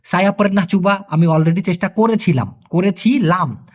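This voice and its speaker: A man teaching a spoken language lesson, repeating each phrase slowly and then translating it word by word. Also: high-pitched. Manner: lively, sing-song delivery.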